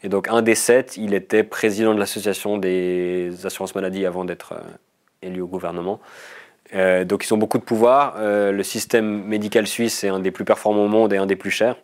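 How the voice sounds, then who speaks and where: A man in his thirties from Switzerland with a Swiss French accent, a guest telling stories in a casual interview, often pausing with hesitations. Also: on the low side, fairly even intonation, darkish tone. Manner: chatty, storytelling, frequent hesitations. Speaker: guest comedian.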